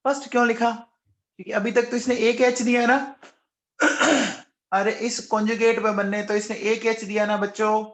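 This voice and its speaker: At normal speed and with little pitch movement, a man with a very high-pitched voice leads a live online chemistry lecture; the sound is roomy. He keeps coaxing and quizzing students, raising his voice for answers and saying he is shouting nonstop.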